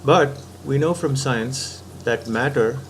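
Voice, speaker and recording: Slow and medium-pitched, a man speaks as a spiritual teacher in a patient philosophical talk. He works through his reasoning one step at a time, regularly checking in with the listener, with a little background noise present.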